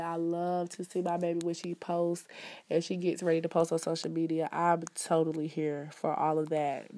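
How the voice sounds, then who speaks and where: Woman host, a little low-pitched, nasal and stuffed up, chatty promo delivery. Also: warm tone. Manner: chatty, upbeat, calls listeners "baby". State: stuffed up with allergies. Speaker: host promoting events and services. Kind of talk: casual promo talk. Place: indoors, in the country.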